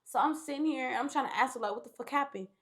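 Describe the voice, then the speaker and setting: A woman appears as a podcast guest, casually telling a long, animated story full of profanity and acted-out quotes. Her voice is high-pitched and she talks quickly.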